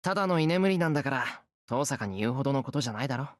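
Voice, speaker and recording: A man's voice: medium pitch, lively intonation, racing, no room sound, clean studio sound, natural voice. A voice actor playing a caring teenage boy. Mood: calm, caring. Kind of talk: Japanese game voice acting. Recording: game audio under loud music.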